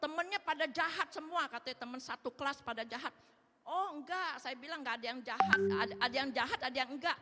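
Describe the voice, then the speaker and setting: A woman's voice: high-pitched, quick pace, very noisy. A woman gives her personal testimony to a church congregation, acting out both sides of a remembered talk. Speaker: church member giving testimony. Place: church hall. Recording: long reverb of a large hall.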